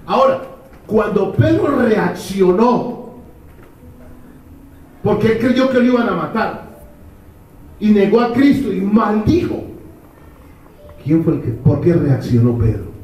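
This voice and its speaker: A man's voice: high-pitched, lively intonation, slow, long pauses, darkish tone. A man preaching a fervent sermon, firing off rhetorical questions to the congregation. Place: church hall. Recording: echoey hall, distant mic.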